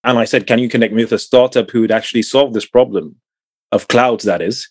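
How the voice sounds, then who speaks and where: A man's voice: mid-range voice, fairly even intonation, fairly quick, breathy edge, no room sound. A man from Trinidad, middle-aged, answering interview questions thoughtfully, with many fillers and repeated words. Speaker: guest, climate tech entrepreneur.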